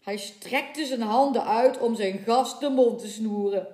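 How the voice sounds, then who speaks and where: A woman's voice: a little high, measured pace, warm tone. Woman narrating a folk tale. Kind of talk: audiobook story reading. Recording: echoey room.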